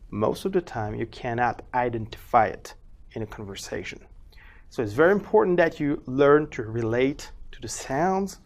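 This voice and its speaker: A man whose first language is not English, teaching language learners in a casual spoken lesson and drawing out sounds slowly to demonstrate them. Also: mid-range voice. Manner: demonstrates sounds in several accents, stretches words slowly.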